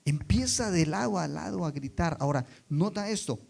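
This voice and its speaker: A man preaching a sermon, dropping quiet and then rising loud for emphasis, and putting rhetorical questions to the congregation. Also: a little high, moderate pace, creaky. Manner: expressive, swings between soft and loud for emphasis.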